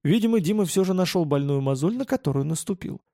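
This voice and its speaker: A man narrating a first-person fantasy audiobook in a calm, steady reading voice. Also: high-pitched, quick pace, no echo, studio quality.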